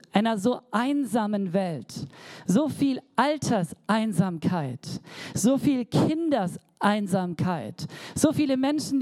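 A woman's voice: a little high, dark tone, dry recording. A woman preaching a sermon in an earnest, emphatic way, stressing repeated phrases. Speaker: pastor.

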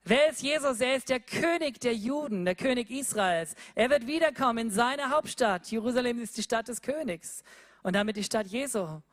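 A preacher giving a sermon, repeating rhetorical questions and moving between loud emphatic lines and quiet low ones. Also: expressive, moderate pace.

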